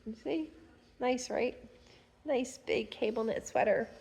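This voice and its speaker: A fiber arts vlogger with a stuffy nose chats casually at home, showing off her knitting and humming to herself as she works through a relaxed tutorial. Her slightly high voice moves slowly, with vocal fry and a darkish tone, and she rambles chattily over a little hiss or hum.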